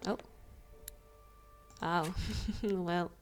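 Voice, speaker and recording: A woman's voice: on the low side, steady tone, very slow, soft background music. A woman giving casual gameplay commentary, muttering and questioning herself as she thinks aloud. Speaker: gamer.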